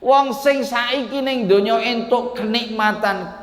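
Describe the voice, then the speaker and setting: A man's voice: very high voice, slow pace, fairly bright tone. A man with a Javanese accent teaching a religious study lecture, telling stories and mixing in Arabic recitation and Javanese asides. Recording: echoey hall with long reverb.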